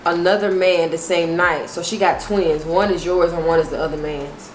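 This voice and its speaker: A woman's voice: lowish voice, fairly even intonation, normal speed. A woman with an American accent in casual relationship chat, speaking emphatically and often checking that the listener follows. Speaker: co-host of a mukbang chat show. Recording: roomy echo, clear background noise.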